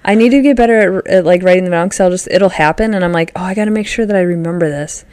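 A woman co-hosting a casual podcast, often chiming in with quick agreement. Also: fairly low pitch, a little mellow, clean tone, dry recording. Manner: agreeable, frequent short affirmations. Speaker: podcast co-host. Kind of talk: casual chat.

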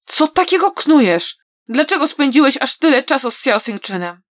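A woman voicing a cold, furious older swordsman who shouts his demands, in a storybook reading. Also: high voice, very animated, normal speed, dry recording, studio quality, voice pushed up. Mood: demanding. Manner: loud, angry shouting.

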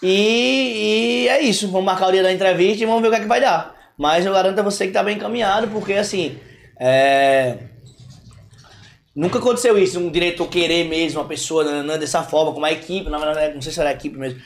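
A young Brazilian man, a guest, telling a story in slangy, animated casual chat on a podcast. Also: sits high, fast, creaky.

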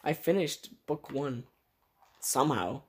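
A man's voice: mid-range voice, expressive, darkish tone, husky. A young man in casual chat, joking and rambling with friends. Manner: joking, rambling, quick to laugh.

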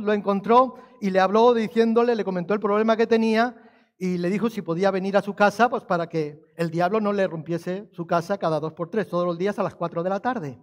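Man, pastor, sermon, high-pitched voice, animated storytelling, rhetorical questions.

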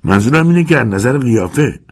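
A man's voice: mid-range voice, sing-song, darkish tone, breathy edge, pitched above the performer's own voice. A man doing a restless, earnest young lodger. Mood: eager. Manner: restrained, earnest questioning. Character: young man, restless, searching, holding back excitement.

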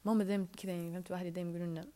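Saudi girl rambling fast into earphone mic, slips into whispers a lot. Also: on the low side, level tone, mellow, a little hiss or hum. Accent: Saudi Arabic. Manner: rambling, rushed, drops into whispers. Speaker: podcaster. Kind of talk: casual solo podcast chat. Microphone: wired earphone mic.

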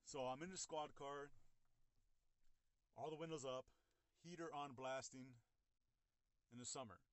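A man's voice: mid-range voice, fairly even intonation, dry recording. Young man, casual first-person storytelling, lots of uh and like, restarts, blunt and profane, dry close sound. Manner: halting, full of "uh" and "like", frequent restarts. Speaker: person recounting his own experience.

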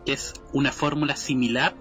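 A man with a Chilean accent in casual chat, explaining a topic in a halting, restarting way. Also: mid-range voice, flat delivery, a bit bright, soft background music. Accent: Chilean Spanish.

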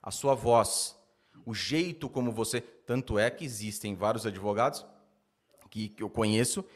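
A man hosting a podcast, chatting casually in a slangy, animated way. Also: lowish voice, moderate pace. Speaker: podcast host.

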